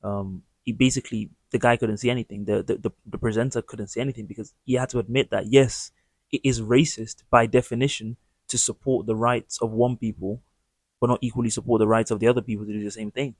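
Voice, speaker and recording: A man's voice: on the low side, steady tone, quick pace, no echo. A man hosting his own channel, giving emphatic, indignant commentary on news clips in long run-on sentences. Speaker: political commentary host.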